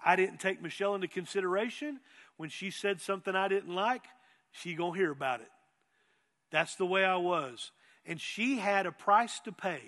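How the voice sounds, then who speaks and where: A middle-aged pastor preaches with a fairly high voice, pressing his points hard and turning to the congregation with questions. His words ring out with a long reverb from a church sanctuary. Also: normal speed, a bit bright. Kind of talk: sermon.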